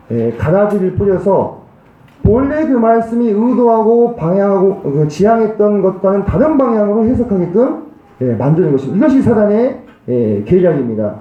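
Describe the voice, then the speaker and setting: A man preaches a sermon in a church, his high voice rising and falling in wide swings. He keeps putting rhetorical questions to the congregation. The recording is roomy and slightly dull. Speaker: pastor.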